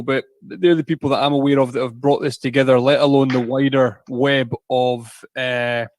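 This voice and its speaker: A man's voice: mid-range voice, dry recording. A man co-hosting a livestream, speaking in an earnest, easygoing way. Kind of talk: casual chat.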